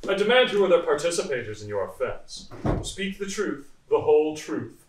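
A man's voice: fairly high pitch, big pitch swings, moderate pace, noisy background. A man playing a stern judge in a live stage play, commanding and scornful. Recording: echoey hall from far off.

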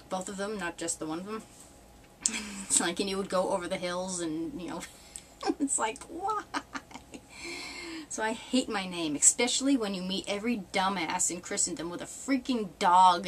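A thirties-aged woman from New England, vlogging casually into a webcam, speaks at medium pitch, with a slight hiss or hum present. She's meandering and wry, with lots of laughter and some mild profanity, framed by a red cloth backdrop in a small room.

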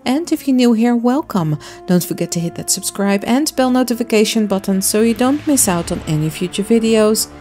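A woman's voice: a little high, lively intonation, normal speed, hardly any pauses, warm tone, soft background music. A woman hosting a crafting vlog, explaining her miniature build step by step in a friendly, chatty voice-over. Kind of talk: casual voice-over narration.

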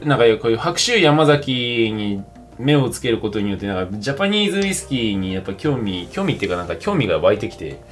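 A man's voice: medium pitch, big pitch swings, quick pace. A tipsy young man chatting casually and rambling in slangy speech as he livestreams a game over drinks. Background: game music.

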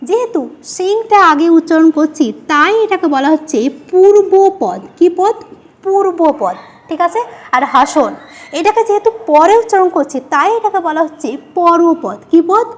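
A woman teaching an exam-prep grammar lesson, asking her students questions and answering them herself, repeating each key word slowly. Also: extremely high pitch, animated. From West Bengal.

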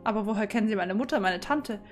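A woman's voice: mid-range voice, fast talker, soft background music, natural voice. A woman voicing a frightened, confused young girl who asks anxious questions.

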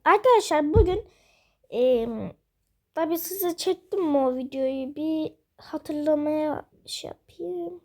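A young female gamer, sick and coughing, chatting quietly from her bedroom while she plays, rambling with lots of fillers. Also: high-pitched, slow pace. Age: school-age. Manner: rambling, many fillers, self-amused. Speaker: gaming vlogger. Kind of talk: casual let's-play chat. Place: bedroom at home.

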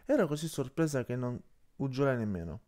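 A man's voice: mid-range voice, a little fast. A man reading an audiobook aloud, narrating in the first person and voicing each character. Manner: expressive, voices the characters. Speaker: audiobook reader.

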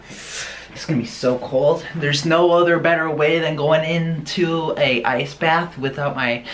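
A man's voice: fairly high pitch, bright, forceful tone. Casual young man hosting a vlog, roomy bathroom acoustics, faint noise behind. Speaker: challenge video host. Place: small home bathroom. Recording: echoey bathroom with background noise.

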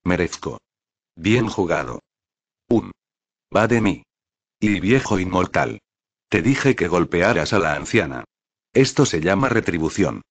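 A man's voice: deep voice, animated, measured pace, pauses often. A man voicing a mocking, scornful old woman, a landlord's wife, in a storybook reading. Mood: jeering. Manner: jeering.

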